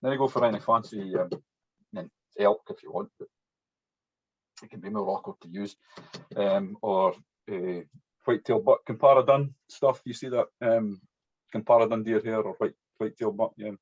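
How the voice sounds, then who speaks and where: A man's voice: fairly low pitch, moderate pace. A man with a strong, broad Scottish accent, giving an informal hands-on demonstration as an instructor, chatty and often tagging his sentences with "yeah". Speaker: fly-tying instructor. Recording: dull, muffled lo-fi audio.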